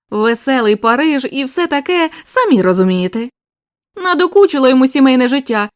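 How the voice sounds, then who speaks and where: Woman reading a blunt male inspector: offhand and worldly, high lively voice, dry audiobook read. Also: no echo.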